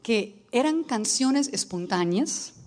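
A woman's voice: a little high, lively intonation, slow, darkish tone. A woman preaching a sermon, telling stories and building to emphatic declarations, with English words mixed into her speech. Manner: storytelling, rising to emphatic declarations.

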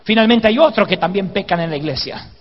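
A man preaching a sermon, telling a comic story and acting out the shouts and groans in it. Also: high-pitched, expressive, fast talker, long reverb tail. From Argentina. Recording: dull lo-fi live sermon recording.

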